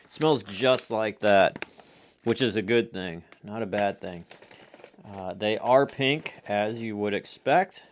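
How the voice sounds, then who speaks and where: A man's voice: fairly low pitch, takes it slowly, a little hiss or hum. A man casually reviewing candy for viewers, eating sour candy as he talks and reacting to the sourness.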